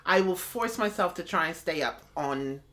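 Frank woman in her fifties, bright tone. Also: on the low side, moderate pace. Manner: frank, teasing, animated quoting. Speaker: podcast co-host. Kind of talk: casual podcast chat.

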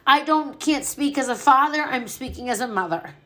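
A woman's voice: high-pitched, expressive, moderate pace, a bit bright. A middle-aged woman speaking openly about grief, blunt and mouthy, swearing freely, emotional and at times short of breath. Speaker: podcast host. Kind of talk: personal grief monologue.

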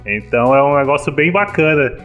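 A man's voice: on the high side, animated, fairly quick, a bit bright, lo-fi sound, faint music behind. A man from Manaus with a Manaus Brazilian Portuguese accent, telling a story in a casual podcast chat. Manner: storytelling, asks "entendeu?".

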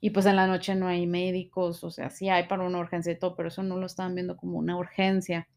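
A woman's voice: fairly low pitch, monotone, fast talker, a little mellow. Mexican woman telling a personal story. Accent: Mexican Spanish. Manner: emotional, frequent fillers and tag questions.

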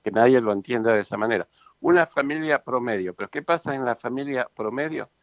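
A man's voice: mid-range voice, a little fast, dry recording. Earnest man on a dull recording. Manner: earnest, explanatory, many fillers and rhetorical tags. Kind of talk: casual discussion. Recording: dull lo-fi sound.

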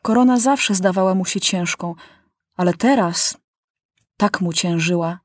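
A woman narrating a storybook in a calm, measured way. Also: lowish voice, no room sound, studio quality. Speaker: audiobook narrator.

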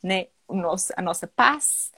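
A woman hosting a casual podcast conversation, telling stories in an animated way and often ending with "né?". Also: a little slow, breathy edge, no echo, studio quality. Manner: animated storytelling, often ends with "né?"; acts out children's voices with big pitch jumps. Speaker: podcast host.

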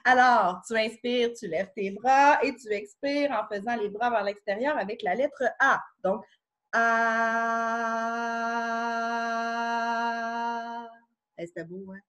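A woman's voice: on the high side, normal speed, few pauses, fairly bright tone. A woman with a Québécois accent, a children's yoga educator in schools, explaining her methods step by step in a casual podcast conversation into a studio microphone. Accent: Québécois French.

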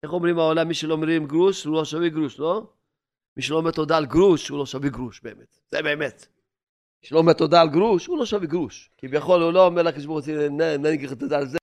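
A man preaching a sermon, telling stories and swinging between loud urging and hushed asides. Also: a little high.

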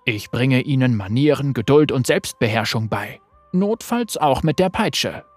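A husky-voiced narrator playing a cruel, scarred old male cleric who speaks harshly and proudly. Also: mid-range voice, lively intonation, unhurried, a little mellow, dry recording, soft background music, voice pushed down. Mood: stern. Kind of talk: read-aloud storytelling.

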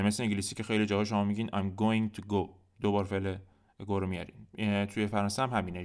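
A man with a fairly low voice hosts a language lesson podcast. He explains grammar patiently and drops to a slow, careful pace whenever he models an example phrase. It sounds like a podcast recorded at a microphone. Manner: explains patiently, slows down to spell out French examples. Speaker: French teacher.

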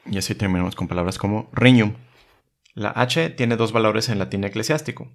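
A man, patiently teaching letter by letter in a calm lesson video. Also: lowish voice, fast talker, vocal fry. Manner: patient, methodical, spells out letters one by one. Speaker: religious teacher.

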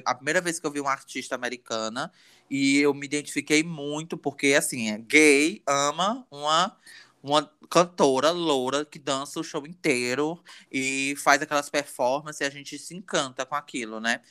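Bright-voiced, playful man. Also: fairly high pitch, moderate pace, clear, resonant tone. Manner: lively, playful, laughs often. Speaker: podcast co-host. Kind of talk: casual chat.

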